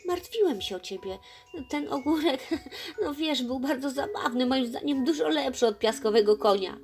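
Storybook role: gentle young prince, friendly and playful, read by a woman. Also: high-pitched, expressive, normal speed, faint music behind, pitched above the performer's own voice.

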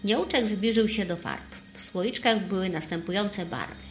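A woman reading a children's story aloud in a lively, expressive way. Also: medium pitch, normal speed, echoey room, soft background music.

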